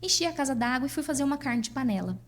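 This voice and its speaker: A Brazilian woman, a podcast guest, telling a personal story in a lively way and acting out what people said. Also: high-pitched, rapid-fire. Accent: Brazilian Portuguese. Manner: lively, acts out dialogue in her stories. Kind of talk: personal storytelling in casual chat.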